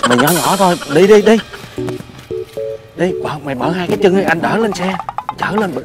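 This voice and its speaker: A man with a fairly high voice plays a prank in a comedy skit, giving hurried orders and urging his partner along. Loud music plays throughout behind him. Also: expressive. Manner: urging, bossy, addresses partner as "bé".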